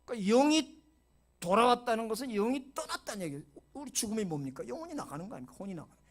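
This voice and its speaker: A middle-aged male pastor preaching a sermon, telling the story dramatically and dropping to whispers before loud exclamations, with short English phrases mixed in. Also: high voice, expressive, rapid-fire.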